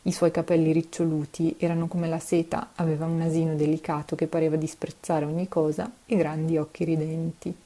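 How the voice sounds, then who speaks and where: Low, mellow woman reading a story. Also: a little fast, hardly any pauses. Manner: steady, expressive reading. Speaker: narrator.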